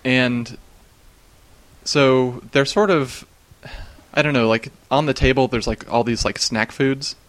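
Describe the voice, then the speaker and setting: A man's voice: medium pitch, slow pace, fairly bright tone, dry recording. A man in casual chat, recounting strange dreams and often breaking into laughter. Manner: laughs often while telling, many fillers.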